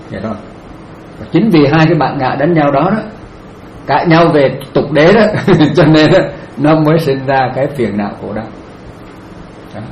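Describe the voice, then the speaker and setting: A male Buddhist monk giving a dharma talk, answering a question gently, repeating his phrases and laughing now and then. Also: mid-range voice. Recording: echoey room, faint noise.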